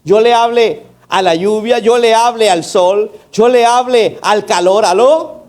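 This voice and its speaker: A man's voice: unhurried, a little mellow. A male pastor preaching a sermon, emphatic, throwing rhetorical questions and call-outs to the congregation. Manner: emphatic, varying between raised and low delivery.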